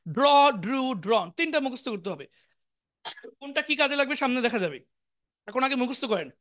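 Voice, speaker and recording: A woman with a Bangladeshi accent teaching an online spoken English lesson, drilling each word slowly and repeating every form. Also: high voice, big pitch swings, fairly bright tone.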